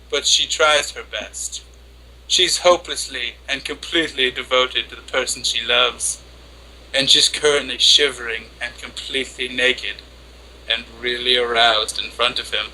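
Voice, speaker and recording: Man hamming up a lovestruck, very bright-voiced anime girl. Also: mid-range voice, low-quality recording. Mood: coy, embarrassed. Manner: hammy, theatrical dramatic reading with drawn-out words. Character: lovestruck, obsessive young anime woman confessing, flustered and devoted. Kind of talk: dramatic reading of an internet post.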